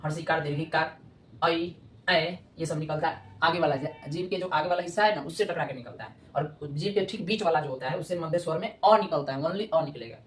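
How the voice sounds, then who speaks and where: A woman's voice: sits low, lively intonation, fast talker, few pauses. A woman teaching grammar, repeating points and checking often whether students follow. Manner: repetitive, checks understanding often. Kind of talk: explanatory classroom lesson. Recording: echoey room with faint noise.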